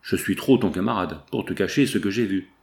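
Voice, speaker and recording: A man's voice: sits low, brisk, gravelly, a little mellow. A man reading a sly, scheming friend. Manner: insinuating, mock-sympathetic. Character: sly, scheming male friend stirring jealousy. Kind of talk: audiobook dialogue reading.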